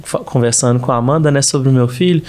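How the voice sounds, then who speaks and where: Brief: Brazilian man, podcast host, mid-pitched, conversational, stumbling restarts. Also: fast talker, a little mellow. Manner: hesitant, many restarts.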